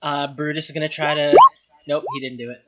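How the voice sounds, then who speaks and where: A tabletop player who chats loosely and reacts quickly. The voice sits at a middle pitch, and the recording sounds dull and lo-fi. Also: steady tone, very noisy. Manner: chatty, laughs, quick reactions. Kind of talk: casual tabletop chat.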